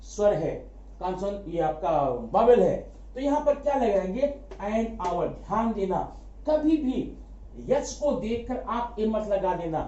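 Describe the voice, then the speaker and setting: A man teaching a grammar lesson, asking quick rhetorical questions, answering them himself and repeating key words for emphasis. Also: high voice, lively intonation, dark tone. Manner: addresses students familiarly as brother. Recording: echoey room, dull lo-fi sound.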